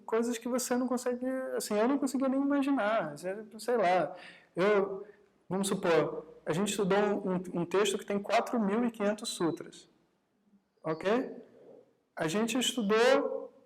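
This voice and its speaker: A man's voice: high voice, low-quality recording. A man leads a live meditation workshop. His tone is conversational and easy, and he keeps checking in with his listeners. Now and then he slips into short acted-out exchanges. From Brazil. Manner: conversational, often adds tag questions to the audience; acts out quoted dialogue in his own talk. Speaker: meditation teacher.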